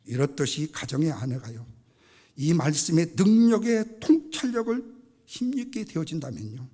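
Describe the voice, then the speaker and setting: A man's voice: on the high side, sing-song, moderate pace, mellow. A man preaching a Sunday sermon in a church, dramatic and acting out quotes in different voices. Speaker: pastor. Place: church sanctuary.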